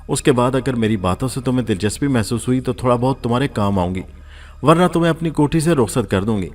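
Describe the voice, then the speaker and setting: A man's voice: medium pitch, lively intonation, lightly acted. A man doing a wealthy, amused lady. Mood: coaxing. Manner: amused, coaxing, gently commanding. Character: wealthy gracious woman of leisure.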